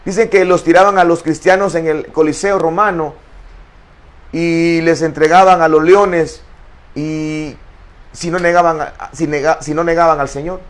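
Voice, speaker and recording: A middle-aged man preaching a sermon as pastor, impassioned and rising toward shouting at its peaks, often restarting his words. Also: on the high side, fairly even intonation, moderate pace. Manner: restarts and stumbles over words.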